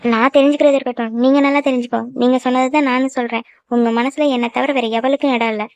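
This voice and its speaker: A young woman voicing a jealous, quick-tempered girlfriend in a cartoon, scolding and sulking fast. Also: high voice, fairly even intonation, clean tone, no room sound. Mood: sulky, scolding. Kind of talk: cartoon voice acting.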